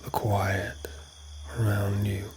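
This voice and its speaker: Guy doing asmr sleep talkdown, low soft breathy voice, really slow n flat, night crickets behind. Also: a little hiss or hum. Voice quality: soft, breathy, often whispery deep voice. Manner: slow, soothing, short phrases with pauses.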